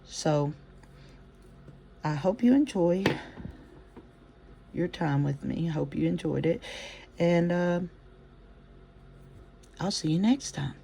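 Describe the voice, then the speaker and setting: A crochet teacher with a mellow, warm voice walks through stitches in a relaxed, chatty way. The phrasing is folksy and homespun, full of gentle encouragement. Each step gets spoken aloud as the hands work. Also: medium pitch, slow, gravelly, pauses often, a little hiss or hum. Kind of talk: casual step-by-step craft demonstration.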